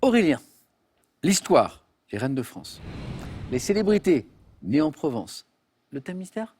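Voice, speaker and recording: A man hosting a television quiz show from a studio, reading out questions briskly and chatting with contestants. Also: on the high side, big pitch swings, over music. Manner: brisk, reads questions crisply.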